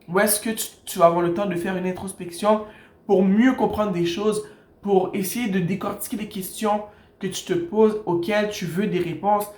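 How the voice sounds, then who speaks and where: A woman doing a casual tarot reading, talking straight to the viewer and softly calling on the universe for messages. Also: mid-range voice. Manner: speaks straight to the viewer, calls on the universe in soft pleas. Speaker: tarot card reader. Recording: echoey room with steady background noise.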